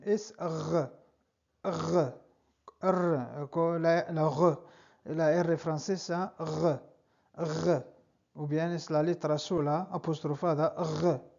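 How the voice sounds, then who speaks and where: A male language teacher with a fairly high voice leads an online lesson at a very slow pace. He repeats words patiently for the learner. The recording sounds dull and lo-fi. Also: a little mellow. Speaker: Arabic teacher.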